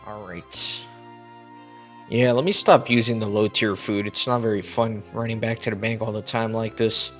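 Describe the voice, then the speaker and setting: A man's voice: on the low side, fairly even intonation, normal speed, soft background music. A man streaming a game, chatting casually and thinking aloud, his voice muffled as if talking into a cup through a cheap headset mic. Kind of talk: casual live commentary while playing.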